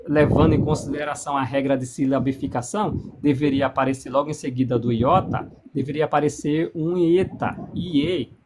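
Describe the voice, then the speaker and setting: A man's voice: on the high side, a little mellow. A man explains pronunciation in a casual discussion, often repeating and restarting words and spelling out sounds and letters. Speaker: explaining speaker on divine name. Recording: noisy background hiss.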